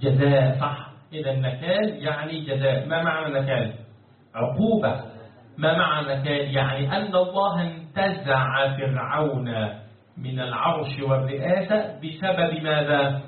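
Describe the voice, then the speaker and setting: A man's voice: on the high side, normal speed. A man teaches a class as a sheikh, putting questions to his students and then answering them himself, now and then in a lilting chant. He sounds far from the mic in a roomy, echoing space. The recording is thin and phone-like. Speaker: sheikh teaching Quran commentary. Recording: echoey lo-fi phone-quality recording from afar.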